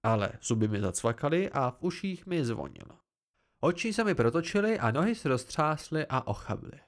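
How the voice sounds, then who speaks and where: A man's voice: fairly high pitch, big pitch swings. A man reading an amateur audiobook, telling the story expressively in the first person. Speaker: audiobook narrator.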